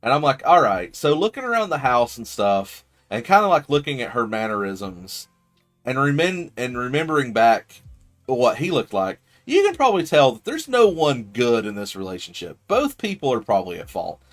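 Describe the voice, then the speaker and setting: A man chats casually as a game master, recapping a tabletop session in a loose, rambling way full of fillers and the odd curse word. His voice sits at an everyday middle pitch for a man, and faint music plays underneath. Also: very animated, normal speed.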